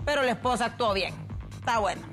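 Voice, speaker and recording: A woman with a Honduran accent hosting a live call-in radio show, moving briskly between calls and urging them along. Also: fairly high pitch, expressive, a bit bright, faint music behind. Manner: brisk, urging callers along with repeated "vamos".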